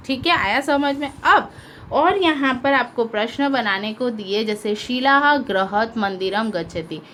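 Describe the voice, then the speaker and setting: Woman teacher, patient, questioning the class, slightly high voice, faint background hiss. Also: a bit bright. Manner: patient, asks pupils questions, translates line by line. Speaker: school teacher. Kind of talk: explaining a Sanskrit lesson in Hindi.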